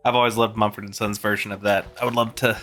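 Bright-voiced easygoing man. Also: on the low side, level tone, fast talker, faint music behind. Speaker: guest podcast co-host. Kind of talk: casual chat.

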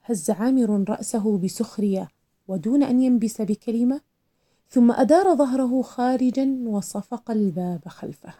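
A woman narrating a novel in an expressive storytelling manner. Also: fairly high pitch, normal speed. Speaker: audiobook narrator. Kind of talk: scripted narration.

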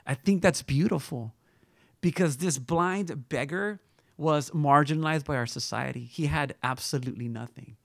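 A man's voice: a little high, moderate pace, vocal fry, no room sound, clean studio sound. A man preaching a conversational sermon, reading scripture, asking his listeners rhetorical questions and closing in prayer. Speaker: pastor.

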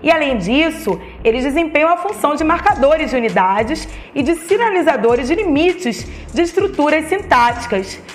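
A woman's voice: sits high, animated, normal speed, hardly any pauses, faint music behind. A woman teacher with a Brazilian Portuguese accent, giving a recorded lesson and explaining step by step, naming each comma aloud.

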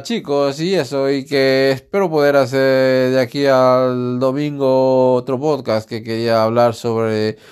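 A man's voice: medium pitch, darkish tone, clear, resonant tone. A man with a Spanish accent from Spain, hosting a casual solo podcast from home, talking in a rambling, candid and outspoken way. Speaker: podcast host. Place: alone at home.

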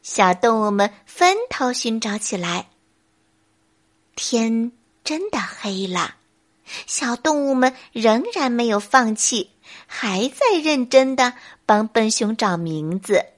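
A woman narrating a children's bedtime story in a gentle, expressive way. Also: on the high side, takes it slowly.

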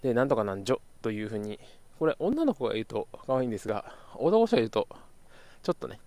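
A man's voice: medium pitch, gravelly, a little mellow, dry recording. A young man from Kyoto with a slight Kansai intonation, hosting a casual solo podcast and talking in a rambling way, correcting himself and chuckling. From Kyoto, Japan. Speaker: podcast host.

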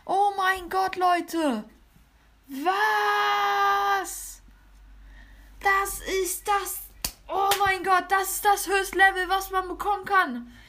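Woman playing a shrill, overhyped star YouTuber. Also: drawn-out words, full character voice. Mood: hyped. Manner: exaggerated high put-on voice; constant excited exclamations. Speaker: let's player. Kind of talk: gameplay let's play.

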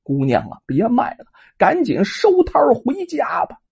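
A woman's voice: on the high side, wildly swooping pitch, unhurried, vocal fry, darkish tone, slightly rough, heavily acted. A woman doing a grateful old village man. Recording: dull lo-fi recording.

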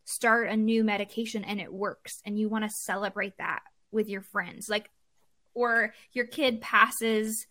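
A woman's voice: medium pitch, steady tone, measured pace, sharp tone. A woman hosting a podcast, asking long, chatty, rambling questions and giving frequent affirmations. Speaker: podcast host. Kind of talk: conversational podcast interview.

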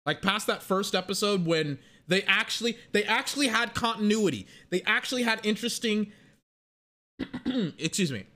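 Angry and swearing, a young adult sports commentator rants at speed about sports. The voice sits at medium pitch and sounds animated, pushed and bright.

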